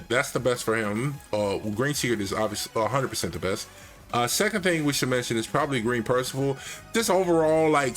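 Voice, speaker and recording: A man's voice: mid-range voice, fairly bright tone. A young man giving casual gaming commentary, rambling and correcting himself, with lots of fillers like "uh" and "like". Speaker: game guide creator.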